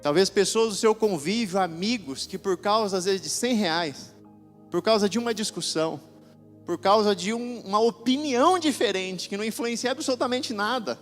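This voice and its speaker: A man with a high voice preaches, weaving jokey stories into his sermon. His voice rings in a church with a long reverb, and faint music plays behind him. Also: moderate pace. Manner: joking storyteller, acts out voices. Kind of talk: sermon with storytelling.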